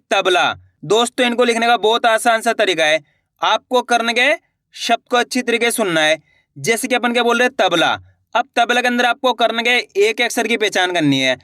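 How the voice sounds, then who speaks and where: High, bright male reading teacher. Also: dry recording, studio quality. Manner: slow, drawn-out spelling of syllables, quizzing the viewer. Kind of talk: Hindi reading lesson.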